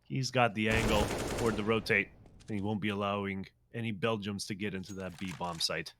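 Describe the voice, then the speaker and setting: A man doing live play-by-play commentary on a competitive shooter match, reacting quickly to the action. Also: fairly low pitch, fairly even intonation, a bit bright, slight background noise. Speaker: esports commentator.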